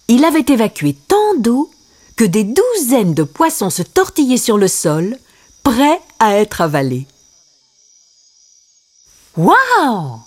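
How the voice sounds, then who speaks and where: A woman reading a children's storybook aloud in a gentle, expressive way. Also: medium pitch, husky.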